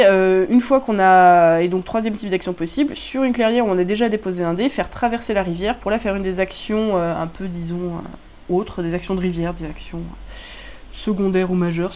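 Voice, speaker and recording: Woman, middle pitch, casual review talk, hesitant, lots of fillers. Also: a little mellow. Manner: hesitant, many "euh" fillers, loose unscripted explaining. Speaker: board game reviewer.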